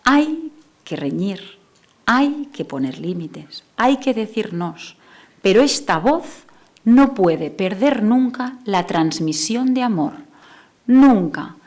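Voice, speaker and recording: A woman speech therapist, Catalan native, giving a conference talk, moving between a soft lowered voice and emphatic bursts. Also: sing-song, takes it slowly. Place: lecture hall.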